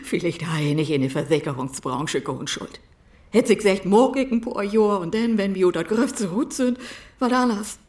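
A woman speaking with a Low German accent, acting a wistful role in a radio play and drifting into whispers. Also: animated, normal speed, a little mellow.

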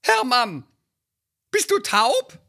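Shrill naggy wife, whiny and reproachful, jumps way up and down. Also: male voice, wildly swooping pitch, drawn-out words, gravelly, pushed and bright, heavily acted. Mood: nagging. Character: nagging fussy middle-aged wife, shrill. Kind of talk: sketch recited from memory.

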